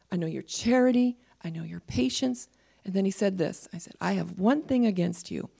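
A woman giving an informal Bible teaching, emphatic, reading scripture slowly and sometimes dropping to a whisper. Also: medium pitch, vocal fry, a little mellow.

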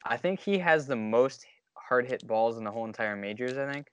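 A man's voice: medium pitch, lively intonation, brisk, a bit bright, clean tone. A man chatting casually about sports as a podcast co-host.

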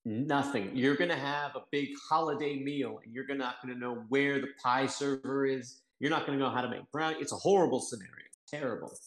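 Male co-host, playful banter, recorded in a bare, echoey room. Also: mid-range voice. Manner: playful, quick jokey asides. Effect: roomy echo from a bare room. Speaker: podcast co-host. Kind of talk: casual podcast banter. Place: bare, empty new home with no furniture.

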